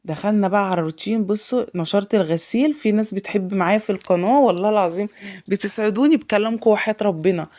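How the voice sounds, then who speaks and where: Fast-talking Egyptian woman, sore throat. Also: medium pitch, mellow. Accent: Egyptian Arabic. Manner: effusive, repeats oaths and thanks. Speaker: homemaker vlogger. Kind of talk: casual home vlog chat. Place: at home.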